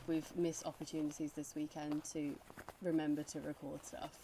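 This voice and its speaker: Low mellow woman, cheeky. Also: flat delivery, normal speed, slight background noise. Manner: laughs easily, cheeky banter. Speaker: podcast co-host. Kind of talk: casual chat.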